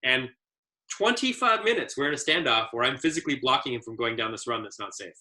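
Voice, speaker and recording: A man's voice: medium pitch, expressive, quick pace, bright, forceful tone. A man, an adaptive ski instructor trainer, giving a casual training presentation as an easygoing storyteller with many fillers.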